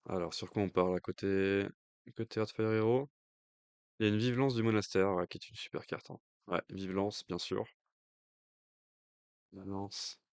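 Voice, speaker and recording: A French-accented man talks through a card game match in an easy, chatty commentary style, pausing on fillers as he thinks aloud. His voice sits fairly low and comes across clean and smooth. The recording is dry, with no room echo. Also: steady tone, a little mellow. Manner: jokey aside in accented English. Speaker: stream commentator.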